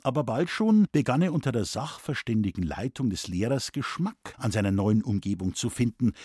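A man reading a humorous story aloud as the narrator, with a lively, expressive delivery. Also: mid-range voice, slightly rough, no room sound, studio quality. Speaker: audiobook reader.

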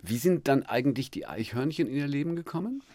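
A male radio host asks questions with a lively, swinging pitch and a teasing touch. His voice is mid-pitched and the studio sound is dry. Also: quick pace, no echo. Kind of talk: radio interview.

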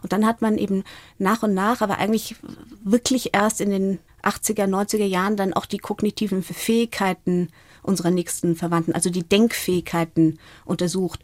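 A woman's voice: mid-range voice, a little mellow, no echo. A middle-aged woman, a researcher explaining her work in a podcast interview in a thoughtful way. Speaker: guest, parrot and raven researcher.

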